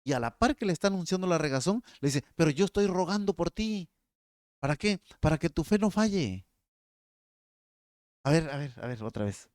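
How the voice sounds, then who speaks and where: A man with a Mexican accent preaching a sermon, emphatic, slowing down and swinging his pitch to stress points. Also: animated, darkish tone, no room sound, clean studio sound. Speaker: pastor.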